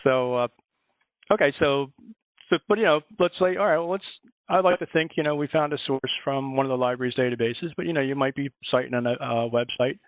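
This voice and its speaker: A man's voice: medium pitch, brisk, no room sound. Philadelphia man, tinny dry call audio. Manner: chatty, rambling, self-correcting. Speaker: librarian. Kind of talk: online workshop presentation.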